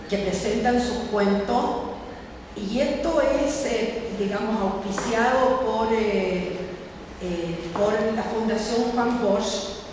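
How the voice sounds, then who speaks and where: A woman presenting a book at a book fair, talking in a halting way with many fillers and rhetorical asides. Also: medium pitch. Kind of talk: public talk at a book fair. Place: large hall at a book fair. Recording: echoey hall from far off, background noise.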